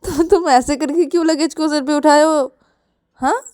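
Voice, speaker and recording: A woman's voice: high voice, darkish tone, dry recording, studio quality, voice pushed up, close to an everyday voice. A woman voicing a fussing, caring middle-aged mother in a told story. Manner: fussing, hurried.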